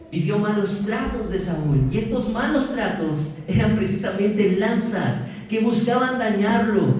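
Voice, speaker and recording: A man with a Mexican accent preaching a sermon as pastor, lively and joking, asking the congregation questions. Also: high voice. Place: church sanctuary. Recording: very echoey church hall, from far off.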